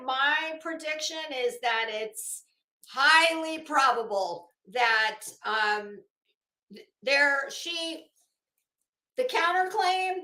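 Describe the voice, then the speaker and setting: With a high-sitting, sharp-toned voice, a middle-aged online commentary show host delivers casual, opinionated remarks. Her manner is sassy and sarcastic, drawing words out for drama, and the sound echoes around a roomy space.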